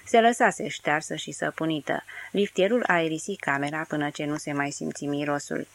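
Lower-voiced woman reading a novel. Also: fairly even intonation, creaky. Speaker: audiobook narrator.

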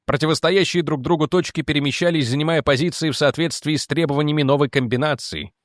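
A man narrating a science fiction novel as an audiobook in an expressive storytelling manner. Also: on the high side, fast talker, no echo, studio quality.

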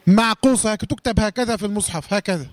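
A man with an Egyptian accent teaching a Quran recitation lesson. He quizzes his listeners, answers his own questions and draws out words slowly to demonstrate them. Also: sits high. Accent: Egyptian Arabic. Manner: slowly drawn-out recitation demos.

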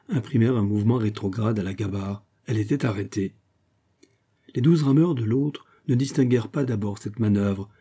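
A man reads a classic novel as an audiobook in scripted narration, keeping a measured, even storytelling manner. His voice is fairly low in pitch and slightly rough.

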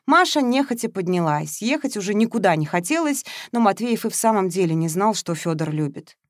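A woman narrating an audiobook in a calm, even reading voice. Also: medium pitch, fairly quick, no echo, studio quality. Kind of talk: scripted narration.

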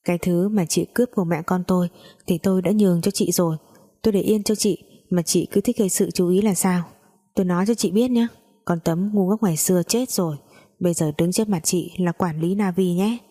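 A woman voicing a calm, self-assured young woman who answers in a cool, cutting way. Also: on the low side, brisk, lightly acted. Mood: cold.

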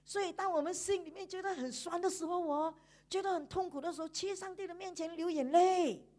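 A woman preaching a sermon in church, animated, with frequent laughter and emphatic sentence endings. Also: very high voice, brisk.

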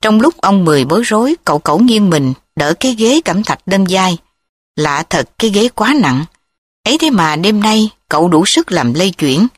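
A woman's voice: medium pitch, moderate pace, breathy edge, no room sound. Woman reading a story aloud, dry sound. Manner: steady storytelling. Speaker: audiobook reader. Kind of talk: scripted narration. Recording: dry close recording.

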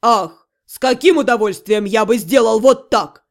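A woman's voice: on the high side, measured pace, soft background music, voice pushed down. Woman doing a bellowing capricious male demon. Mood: menacing. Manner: bellowing, shouting.

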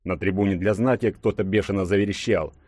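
Brief: male audiobook narrator, low voice, dramatic measured delivery, dry close sound. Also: fairly even intonation, darkish tone, no room sound.

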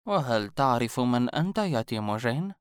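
A man voicing a mysterious old woman hermit, slow and scornful, in a storybook reading. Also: low-pitched, lively intonation, darkish tone, dry recording, clean studio sound, pitched above the performer's own voice. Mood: ominous. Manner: slow, mocking, ominous delivery.

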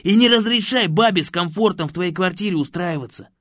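A man voicing a brash, overbearing male character in an audiobook, loud and lecturing. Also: high-pitched, brisk, no room sound, studio quality.

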